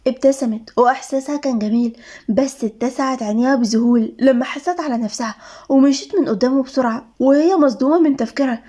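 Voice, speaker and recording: A woman with an Egyptian accent narrating a romance story in a steady, dramatic way. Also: high voice, quick pace. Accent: Egyptian Arabic.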